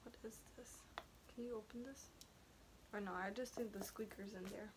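A woman's voice: mid-range voice, fairly even intonation, moderate pace. A young woman chatting casually as she unboxes a package, rambling and trailing off mid-sentence. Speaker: vlogger. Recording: noisy home recording.

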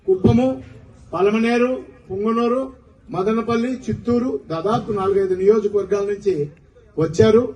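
High-voiced man speaking in an echoey hall. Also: darkish tone, far from the mic. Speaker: speaker at a community gathering. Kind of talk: public speech at a function. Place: large hall.

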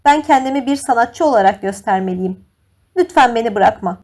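A desperate young actress, high-pitched and tearful, as a woman reader puts her on. She begs in an imploring, breathless audiobook voice, raised well above the narrator's own tone. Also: expressive, normal speed, darkish tone. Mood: pleading.

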